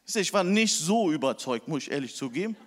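A man preaching a sermon with lively, animated storytelling. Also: fairly high pitch, fast. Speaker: pastor.

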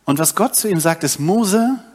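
A man's voice: fairly high pitch, expressive, normal speed. A young adult man giving a sermon, retelling a story and addressing the congregation directly. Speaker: preacher.

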